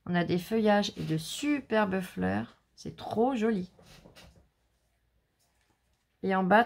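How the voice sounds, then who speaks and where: A woman's voice: medium pitch, gravelly, a little mellow. A woman hosting her crafting channel, chatting casually and effusively while showing handmade cards and teasing someone off camera. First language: French. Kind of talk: casual unboxing chat.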